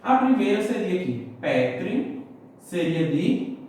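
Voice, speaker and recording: A man's voice: sits high, big pitch swings, slow, a little mellow, heavy reverb, far from the mic, a little hiss or hum, low-quality recording. A man teaching a class, explaining step by step and checking in with his students as he writes. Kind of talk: classroom lesson.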